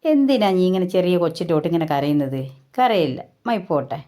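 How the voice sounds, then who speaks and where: A woman voicing a very old great-grandmother who consoles her daughter in a slow, soothing way. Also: lowish voice, very animated, warm tone, pitched below the performer's own voice. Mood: consoling.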